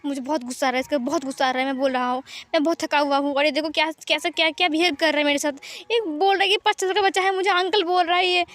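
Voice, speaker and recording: A woman's voice: high-pitched, fairly even intonation, very fast, fairly bright tone. A woman voicing an irritated, tired young husband who scolds his childlike partner, in a fan fiction reading. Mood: exasperated. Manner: exasperated, scolding.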